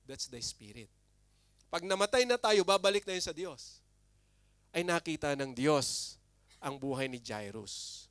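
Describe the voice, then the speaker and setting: A man preaching a sermon as pastor, animated, with big swings between loud and soft. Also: on the high side, a little slow, smooth, no echo.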